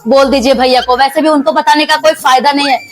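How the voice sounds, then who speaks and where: Comedy sketch: a woman as a defiant, sarcastic young bride, fairly high voice. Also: steady tone, quick pace, loud music behind the voice, close to an everyday voice. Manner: sarcastic, cheeky retorts. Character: sassy young bride, sharp-tongued and defiant.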